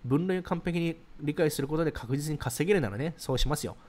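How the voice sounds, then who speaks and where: A man's voice: on the high side, a little mellow. A man in his thirties hosting a casual livestream, reading viewer comments aloud and answering them in a chatty, explanatory way. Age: 30s. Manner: rapid, chatty, explains ideas while reacting to comments.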